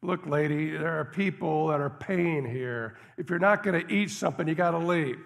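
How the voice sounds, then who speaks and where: A man voicing a gruff, impatient male diner cook in a greasy apron, talking loud and brusque. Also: a little high, monotone, slow, big-room sound, exaggerated voice.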